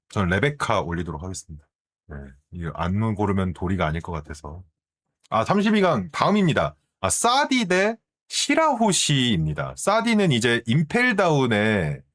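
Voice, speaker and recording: A man streaming, chatting casually in an animated way and often asking his viewers questions. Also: mid-range voice. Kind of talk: casual commentary.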